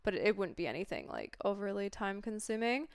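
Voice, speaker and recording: A woman's voice: mid-range voice, very animated, brisk, smooth, no room sound. A stoned woman streamer chatting casually to viewers in a rambling, laid-back stoner way that drifts into tangents. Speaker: livestreamer. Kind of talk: casual livestream chat with viewers.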